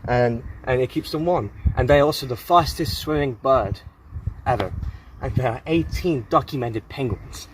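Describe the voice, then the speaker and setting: A man playing an unhinged, socially awkward killer confessing to camera in halting, rambling speech, with trouble pronouncing his R's. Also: mid-range voice, a little hiss or hum, lightly acted, rough recording. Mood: excited. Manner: halting, rambling, stammering, with odd chuckles.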